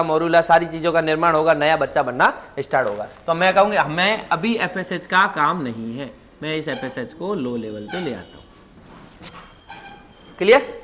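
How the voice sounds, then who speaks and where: A man's voice: high-pitched, fairly bright tone. A man giving a biology class lecture, quizzing his students with constant questions and calling them "child". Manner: calls students "child" affectionately. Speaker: biology teacher.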